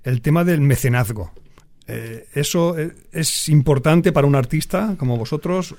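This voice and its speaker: A man's voice: fairly high pitch, moderate pace, a little mellow. A man hosting a radio panel, asking questions and finishing his guests' sentences. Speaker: host.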